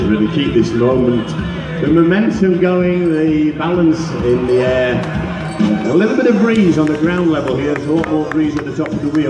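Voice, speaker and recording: A man announcing a live stunt show like a kids show host, coaxing the crowd for applause and putting questions to the children. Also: mid-range voice. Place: outdoor show, over a loudspeaker system. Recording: echoey outdoor PA, far off, music and crowd. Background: music and crowd.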